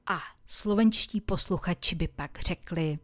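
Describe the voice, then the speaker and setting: A woman teaching English in a recorded lesson, saying example phrases slowly and clearly for listeners to repeat. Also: fairly low pitch, dry recording. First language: Czech. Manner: slow, carefully spoken example phrases for repeating.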